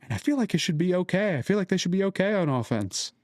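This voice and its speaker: A man's voice: high-pitched, sing-song, quick pace, a little mellow, dry recording, studio quality. A man co-hosting a casual sports podcast, making his case point by point. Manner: reasoned, point-by-point arguing. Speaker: podcast co-host.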